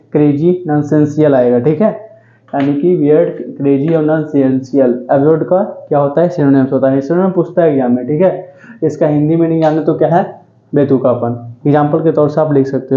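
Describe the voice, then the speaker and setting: Drilling vocabulary for an exam-prep class, a male English teacher speaks in a fairly high pitch and repeats each word with "ठीक है" and self-directed questions. The room is echoey, and the recording has a roomy, dull lo-fi quality.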